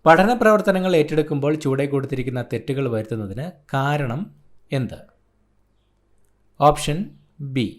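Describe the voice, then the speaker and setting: Tutor from Kerala, male, mid-pitched, brisk clipped delivery of exam answers. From Kerala, India. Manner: brisk, listing answers in short clipped phrases. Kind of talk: reading out an exam answer key.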